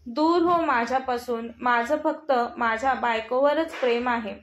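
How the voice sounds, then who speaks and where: A woman's voice: a little high, unhurried, a little hiss or hum. A woman voicing a young husband who speaks curtly and firmly, protective of his wife. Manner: curt, firm.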